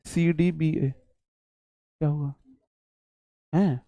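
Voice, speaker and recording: A high-pitched male teacher with an Indian English accent, running a casual vocabulary class for exam students. He talks to them like a friend, checks in with "right?" between points, and draws out each English idiom slowly and clearly. The sound is close and dry, with no room echo. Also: steady tone, mellow. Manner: explains idioms in chatty Hinglish, slows down to spell out English phrases. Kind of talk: casual live vocabulary lesson.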